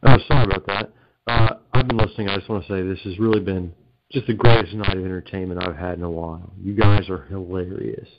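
Low-voiced caller echoing as if in a cave. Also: male voice, fairly even intonation, quick pace, a little hiss or hum. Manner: mocking, amused, taunting. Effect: booming cave-like echo on a phone line. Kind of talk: call-in phone chat. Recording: muffled, overloaded phone line.

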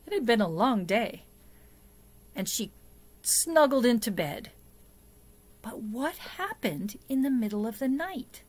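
A storyteller for a church children's program, a middle-aged woman with a voice on the high side, shares a picture book with young children from a small indoor setup before a plain backdrop. Her reading is expressive and deliberate, marked by dramatic hushes, emphasis, and questions to the listener.

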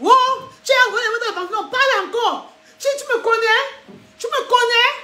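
A woman voicing a combative young woman picking a fight, shouting her challenges in a high voice. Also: moderate pace, reverberant. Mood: defiant.

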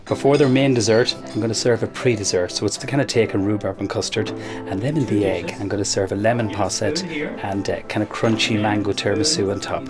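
A man's voice: on the low side, brisk, hardly any pauses. A man with an Irish accent, a chef proprietor, talking through his dishes and hosting diners in a chatty, upbeat way. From Ireland. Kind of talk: documentary voice-over and hosting. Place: restaurant kitchen and dining room. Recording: roomy, with music behind.

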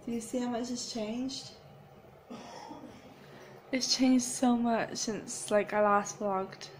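Slow and fairly even in intonation, this young woman's high-leaning voice comes through a low-quality recording with slight background noise. She casually rambles and giggles through a vlog, phone held at arm's length, first indoors in a small flat and then on a windy street.

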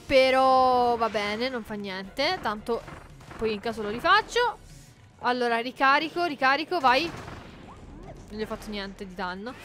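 A woman's voice: fairly high pitch, measured pace, a bit bright. A woman playing a video game and commenting, chatty and jokey, shrieking in panic when things go wrong. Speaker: gaming YouTuber. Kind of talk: let's play commentary.

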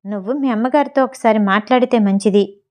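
A blunt neighbour woman lectures a visitor in a plain, steady way, read by a woman narrator. Her voice is soft-toned and slightly high. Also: a little fast, close to an everyday voice. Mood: lecturing. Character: blunt neighbour woman, irritable then polite.

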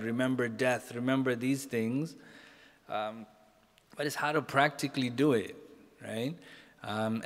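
A middle-aged man delivers a sermon in a relaxed, conversational way, often turning to the listeners for agreement. His voice sits at a medium pitch. It rings out with a long reverb, as if in a large hall. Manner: casual, talks directly to the audience with frequent "right?" and "you know?". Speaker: sheikh giving a religious lecture. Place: mosque hall, indoors.

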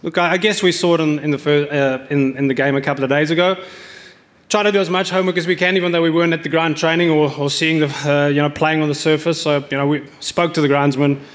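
A man's voice: a little high, steady tone, fast. A man in his forties, a cricket coach answering reporters' questions at a press conference, speaking into table microphones with frequent fillers and restarts.

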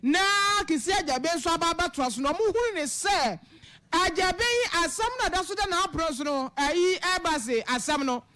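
High-pitched, bright woman news presenter. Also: animated, normal speed. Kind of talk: news reading.

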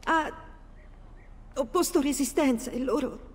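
A woman's voice: high voice, unhurried. An actress playing a distressed, deferential servant woman with an anxious, urgent manner in a Renaissance video game. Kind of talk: dramatic video game acting. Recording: echoey hall, noisy background.

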